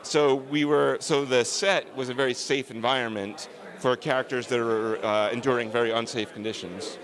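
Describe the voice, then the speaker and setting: A man's voice: medium pitch, fairly even intonation, normal speed, a bit bright. A man, a film director, answering interview questions on a red carpet in an earnest, emphatic, discursive way.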